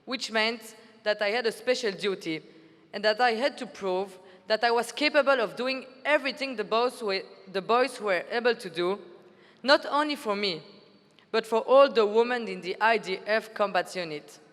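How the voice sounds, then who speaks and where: This Belgian woman in her twenties, an army officer, delivers a formal speech she reads aloud with earnest conviction. She speaks at a moderate pace in a fairly high voice. Hall reverb from the PA fills the big conference room.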